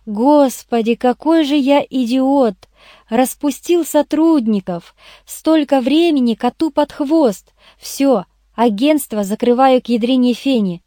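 A woman voicing an irritable male private detective who speaks gruffly and indignantly in an audiobook. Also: high voice, slow pace, mellow, no room sound, studio quality, voice pushed up. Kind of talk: audiobook character voice.

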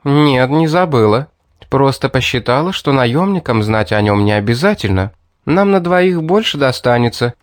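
A man's voice: medium pitch, animated, moderate pace, no room sound, natural voice. Man putting on a sly young woman, raised sweet voice, mocking and menacing, dry close sound, storybook villainess. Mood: coaxing. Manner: mocking, coaxing and threatening. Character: scheming young woman, sweetly coaxing and cold.

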